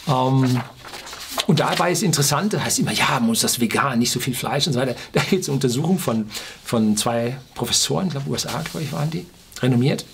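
This video blogger, a man in his sixties from the Ruhr region of Germany, talks to camera from a small furnished room, offering an informal, opinion-heavy explainer. His medium-pitched, creaky voice has lively intonation and runs a little fast, emphatic and full of rhetorical questions, with slight background noise.

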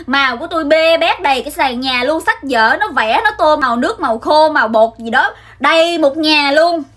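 A young woman, telling a comic childhood story in an animated, dramatic way. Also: high-pitched. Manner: animated and dramatic, acts out scenes. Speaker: vlogger.

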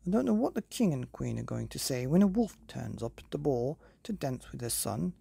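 A woman's voice: a bass voice, very animated, fairly quick, vocal fry, dark tone, husky, no room sound, heavily acted. A woman voicing a vain, easily flustered fairy godmother in a storybook, prim and chattering. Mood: rueful. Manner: prim, chattering, self-absorbed.

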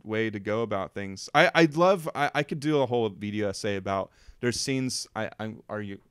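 A man's voice: lowish voice, moderate pace, fairly bright tone, smooth, dry recording, clean studio sound. A man co-hosting a podcast, chatting casually and emotionally about a film, with lots of fillers. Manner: rambling, emotional, filler-heavy. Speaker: podcast co-host. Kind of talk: casual film review chat.

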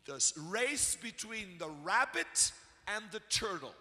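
A man's voice: high voice, big pitch swings, slow, bright, forceful tone. A middle-aged man from the United States preaching in a church auditorium on a handheld mic, telling stories in short punchy phrases for an interpreter. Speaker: guest preacher. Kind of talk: sermon with live interpreter. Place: large church auditorium with choir behind. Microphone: handheld microphone. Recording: long hall reverb.

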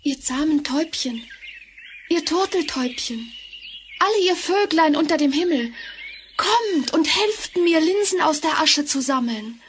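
A woman playing a meek, kind young girl in a fairy tale audio drama, gentle and pleading. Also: sits high, lively intonation, a little slow, a little hiss or hum. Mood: hopeful.

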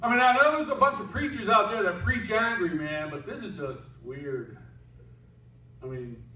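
A man's voice: high-pitched, expressive, normal speed, pushed and bright, far from the mic. A man preaching a sermon in a church in a casual, joking way, with asides to the person running the slides. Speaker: pastor. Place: church sanctuary. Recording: echoey church heard from afar, dull.

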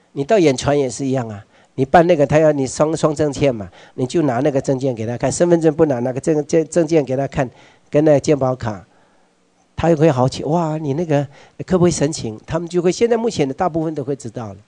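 A somewhat high, mellow male voice with a Taiwanese accent, lecturing a workshop audience in a meeting hall. He fires questions at listeners and drops in Hokkien phrases. His delivery swings from hushed asides to loud urging, recorded close and dry.

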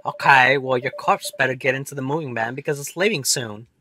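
A man's voice: mid-range voice, fairly quick, sharp tone, slight background noise, close to an everyday voice. A man voicing an exasperated teenage daughter, nagging her lazy father during a let's-play of a video game.

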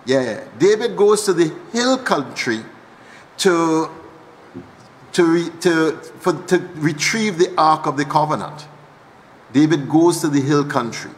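A man's voice: fairly high pitch, expressive, measured pace, long reverb tail, slight background noise. A man with a Trinidadian accent, an archbishop giving a teaching sermon and repeating key lines for emphasis. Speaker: archbishop preaching. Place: church.

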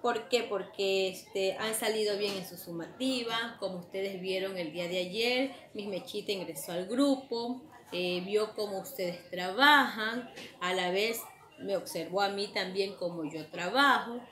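A woman's voice: mid-range voice, a bit bright, reverberant. A woman teaching a spelling lesson to children, patiently asking questions and answering them herself, stretching out words as she says them. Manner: drawn-out, emphatic pronunciation of words.

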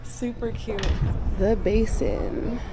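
A woman's voice: mid-range voice, fairly even intonation, slow pace, noisy background. A young woman filming herself at arm's length as she walks, chatting upbeat and casually about the sights. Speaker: travel vlogger. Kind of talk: casual travel vlog. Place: outdoors and indoors at a historic site, walking. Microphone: handheld camera at arm's length.

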